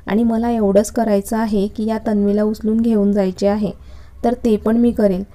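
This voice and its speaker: A stern, irritable young lecturer, curt and scolding, as a woman reads him aloud. The voice is deeply dark and mellow, with little rise and fall. It sounds like a storybook reading. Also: little pitch movement, normal speed, natural voice. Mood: irritated.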